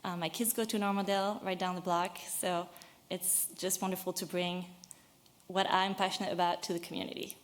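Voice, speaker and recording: A woman in her thirties from Brittany, France, whose first language is French, addresses a city board as a business owner at a public meeting. Her voice is lowish and flat, her pace fairly quick, and she speaks earnestly, a little nervously, with many fillers.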